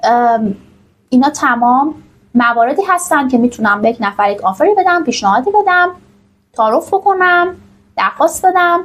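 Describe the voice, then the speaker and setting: A woman's voice: high voice, lively intonation, a bit bright, low-quality recording. Persian-speaking woman teaching English. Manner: explains slowly with many fillers, says English examples slowly and carefully. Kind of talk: online English lesson explained in Persian.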